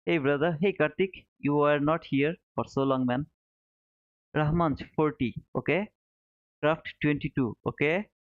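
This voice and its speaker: A fairly high-voiced Bangladeshi man in his 30s speaks a little slowly as he hosts a live trading stream, casually answering viewer comments. He repeats short phrases and treats viewers like pals, and the phone-like, narrow audio carries some room echo.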